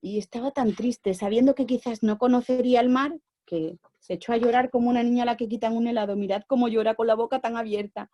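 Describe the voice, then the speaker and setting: Lively Spanish woman telling a children's tale. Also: fairly high pitch, quick pace, few pauses, dry recording, highs cut off. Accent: Spain. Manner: animated, shifting from bright to hushed. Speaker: oral storyteller and educator. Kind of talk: expressive storytelling for children.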